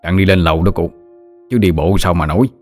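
A man's voice: deep voice, brisk, a little mellow, faint music behind. A man voicing a patient, good-humored middle-aged nephew, reassuring and teasing. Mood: patient, amused.

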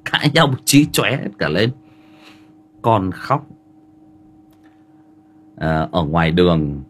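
On his livestream, a man recounts a family story in a relaxed, wandering manner, leaning heavily on filler words. He speaks with a Northern Vietnamese accent in a low voice with a breathy edge.

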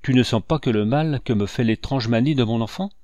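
A man voicing a gentle, grieving father in a storybook reading, earnest and tender as he lectures his nephew. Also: mid-range voice, fairly quick, dry recording, clean studio sound, natural voice.

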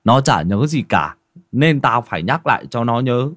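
A man voicing a boisterous village man in his thirties, shouting and jolly, in a spoken ghost story. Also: medium pitch, lively intonation, normal speed, no echo, clean studio sound, voice pushed up.

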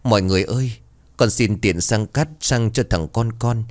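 A man's voice: fairly low pitch, normal speed, close to an everyday voice. A man voicing a grieving young mother who pleads through tears. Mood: pleading.

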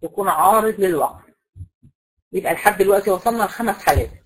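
Fast-talking husky woman teaching a class. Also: mid-range voice, low-quality recording. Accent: Egyptian Arabic. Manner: explains patiently, asks the class questions and repeats key rules. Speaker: Quran recitation teacher. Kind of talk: classroom lecture.

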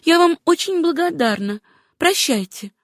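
A woman reading aloud, voicing a young widowed woman who is numb with grief, in a gentle, insistent voice raised well above her own. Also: very high-pitched, animated, unhurried, dry recording, studio quality, pitched above the performer's own voice, heavily acted. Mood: numb insistence.

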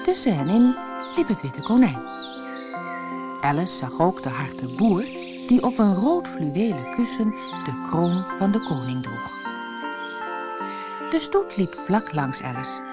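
A woman's voice: fairly low pitch, unhurried, pauses often, music in the background. A woman reading a fairy tale aloud as an audiobook, telling it expressively. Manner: expressive storytelling. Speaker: audiobook reader.

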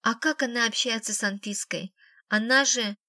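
A woman's voice: a little high, normal speed, bright, forceful tone, dry recording, studio quality. A woman voicing a strict, talkative grandmother who fusses over her family, in an audiobook. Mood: chatty. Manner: bossy, fussing, talkative.

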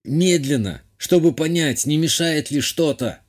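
A man's voice: a little high, measured pace, natural voice. A man voicing a wounded, irritable former galley captain in a fantasy audiobook, speaking in a strained, curt way.

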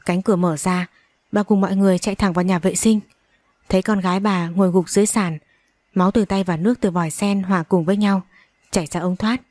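Woman reading a melodrama, mellow voice. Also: mid-range voice, fairly even intonation, fast talker, dry recording. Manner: emotional reading, voicing all characters herself. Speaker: audiobook narrator. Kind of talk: storybook narration with acted dialogue.

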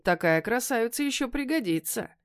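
A woman voicing a gruff, burly male kidnapper who talks in a mocking, curt way, read as a character in an audiobook. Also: a little high, animated, brisk, dry recording, clean studio sound, pitched above the performer's own voice.

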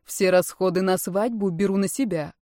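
A woman's voice: medium pitch, moderate pace, warm tone, no echo, close to an everyday voice. A woman reading a story, voicing a blunt, decisive young man in a dry, matter-of-fact tone close to her own voice. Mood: curt.

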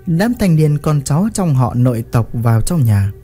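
A man reading a story in a measured, dramatic storytelling manner. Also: medium pitch, expressive, mellow. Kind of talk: scripted story narration. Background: faint music.

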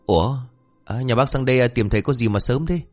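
A man voicing a cheeky, talkative young male villager who speaks in a raised, whiny, excitable voice. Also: fairly low pitch, fairly quick, soft background music.

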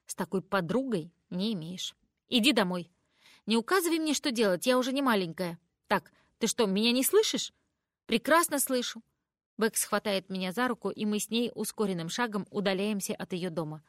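A woman's voice: mid-range voice, no echo, studio quality. A woman reading a first-person teen story aloud, raising her voice for the emotional dialogue.

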